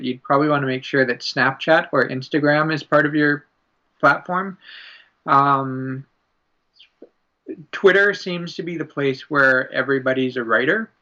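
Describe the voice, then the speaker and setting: A man co-hosting a casual podcast, thoughtful and hesitant, pausing to find his words. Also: medium pitch, bright, forceful tone. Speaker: podcast co-host. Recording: slightly muffled podcast audio.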